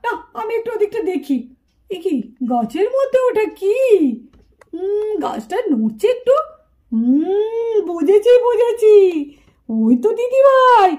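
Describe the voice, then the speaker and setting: A woman voicing a gentle grandmother in a puppet cartoon who calms and coaxes the family. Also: very high-pitched, takes it slowly, heavily acted. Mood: coaxing. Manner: coaxing, calming.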